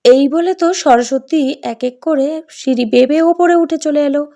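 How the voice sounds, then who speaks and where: A woman's voice: high-pitched, normal speed. A woman narrating a children's doll story and speaking straight to the young listeners. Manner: lively storytelling, addresses children directly. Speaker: storyteller voicing doll characters.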